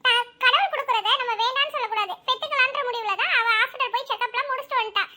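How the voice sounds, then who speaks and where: A woman's voice: very high-pitched, very fast, bright, forceful tone, exaggerated voice. A woman voicing a firm cartoon matriarch. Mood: firm, comforting. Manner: firm, scolding yet comforting. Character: older mother, caring family matriarch.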